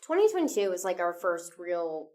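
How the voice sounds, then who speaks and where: A woman's voice: on the low side, very animated, moderate pace, darkish tone. Chatty tired woman co-host. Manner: chatty, laughs often, many fillers. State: tired, yawning. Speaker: podcast co-host, theater director. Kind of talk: casual chat.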